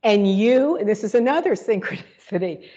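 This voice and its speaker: Woman, spiritual talk co-host, rambling and reflective, mid-pitched voice, muffled lo-fi sound. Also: lively intonation, normal speed, warm tone. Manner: rambling, reflective, with many fillers and restarts. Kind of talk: casual spiritual conversation.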